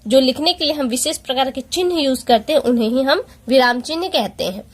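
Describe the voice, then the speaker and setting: A woman teaching an exam-prep lesson, explaining patiently step by step with rhetorical questions and slowing down to read out examples. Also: high voice. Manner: slows down to read out example sentences.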